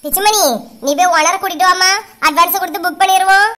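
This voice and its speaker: A woman playing a pushy middle-aged customer, bossy and quick-tempered, with a Kanyakumari accent. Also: extremely high pitch, steady tone, bright, forceful tone. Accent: Kanyakumari Tamil. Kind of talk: comic sketch acting.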